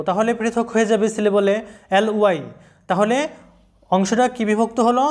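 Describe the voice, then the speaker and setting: A woman's voice: mid-range voice, darkish tone. Woman, pronunciation teacher; patient, spells out letters, sounds each syllable, talks straight to students. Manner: addresses students directly, repeats key words slowly. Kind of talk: recorded video lesson.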